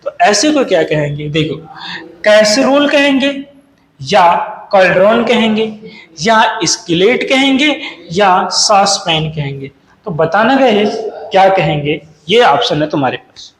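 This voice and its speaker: Going through slides in an exam-prep vocabulary lesson, a young man quizzes his students sing-song style, mixing English words into his Hindi. His voice sits high, bright and expressive, a little slow, in an echoey room with faint noise.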